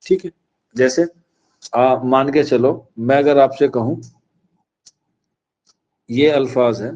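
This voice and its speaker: A man from India teaching an exam prep lecture, repeating key phrases slowly so students can write them down. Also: mid-range voice, fairly even intonation, darkish tone, dull audio.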